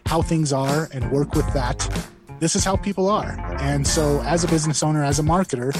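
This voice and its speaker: A man's voice: a little high, brisk. A man giving an explanatory podcast monologue as host, with emphatic repetition. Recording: music behind the voice.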